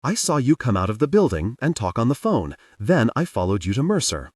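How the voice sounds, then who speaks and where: A man voicing a powerful, manipulative male mage who talks in a calm, blunt way. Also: medium pitch, a little fast, husky, no echo, studio quality, recorded from a distance. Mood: cool.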